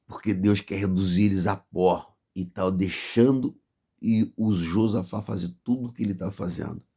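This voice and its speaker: A man's voice: low voice, fairly even intonation, normal speed, dark tone, slightly rough. A man with a Brazilian accent preaching a fervent sermon of warning, piling up repeated phrases.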